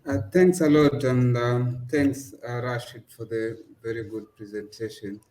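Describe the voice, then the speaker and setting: A man asking a question in an online meeting, halting and repeating words. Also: medium pitch, steady tone, a little mellow, slight background noise. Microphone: video call.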